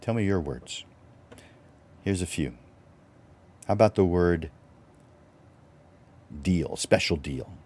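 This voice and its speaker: Slow and punctuated by long pauses, a low-voiced male host delivers a teaching talk on a live stream. His manner stays casual and conversational, with fillers and restarts.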